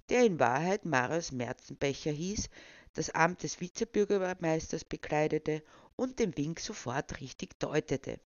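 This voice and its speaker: A man reading a novel aloud as narrator, even and measured. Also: fairly high pitch, no room sound, muffled recording. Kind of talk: audiobook reading.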